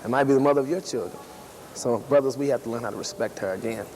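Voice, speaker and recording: A man's voice: medium pitch, fast, a little mellow, a little hiss or hum, low-quality recording. Preachy emphatic man speaking outdoors. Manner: preachy, emphatic, repeating phrases. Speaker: interviewee. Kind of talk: street interview opinion.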